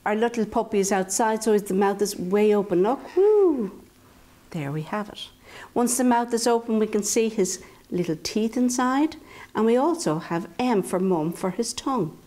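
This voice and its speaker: A woman's voice: mid-range voice, normal speed, warm tone. A woman presenting a step-by-step drawing tutorial for children, talking to them directly in a playful, encouraging way. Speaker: children's drawing instructor and host.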